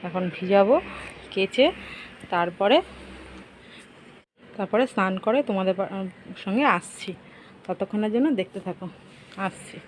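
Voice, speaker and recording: A woman's voice: medium pitch, a little slow, long pauses, a little hiss or hum. A middle-aged woman vlogging to viewers as she moves through housework and cooking at home, chatting casually and repeating herself. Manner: running commentary on chores, repetitive. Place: home kitchen.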